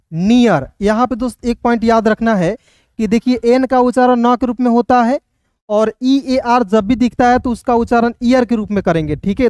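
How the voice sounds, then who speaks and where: A man with a Hindi accent teaching English phonics, spelling words letter by letter and sounding them out slowly. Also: extremely high pitch, darkish tone, dry recording, clean studio sound. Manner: slow, repeats words, checks with listeners.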